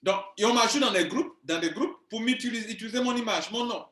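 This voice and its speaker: Fast and high-pitched with a fairly bright tone, this Ivorian man in his forties coaches online business to his viewers. He speaks to the camera emphatically and repeats his points, and the room echoes.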